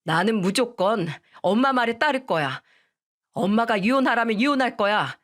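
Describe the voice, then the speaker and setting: A woman's voice: fairly high pitch, lively intonation, moderate pace, a bit bright. Woman voicing a curt angry husband. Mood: cold. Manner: blunt, cold. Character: angry grown son, curt and firm.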